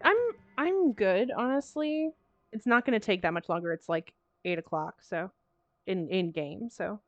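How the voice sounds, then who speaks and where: A woman's voice: medium pitch, unhurried, no echo. Easygoing joking woman streamer, dull sound. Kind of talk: casual gaming stream chat.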